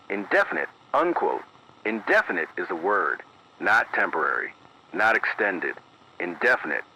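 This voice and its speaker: Through a muffled AM radio filter with background static, a male anchor reads a scripted bulletin for a fictional emergency broadcast. His lowish voice is bright and forceful, his delivery measured, deliberate and grave, with clipped official phrasing.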